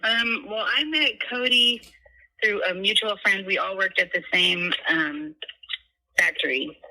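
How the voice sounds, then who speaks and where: A woman's voice: mid-range voice, a little slow, bright, forceful tone. A woman being interviewed over the phone, answering hesitantly with many uhs. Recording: tinny phone line.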